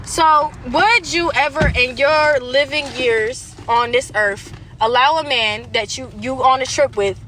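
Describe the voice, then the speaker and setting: A woman's voice: high-pitched, unhurried, hardly any pauses, fairly bright tone, slight background noise. A young adult woman ranting on a livestream from a car, blunt and profane, circling back over the same points. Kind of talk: livestream rant. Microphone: phone.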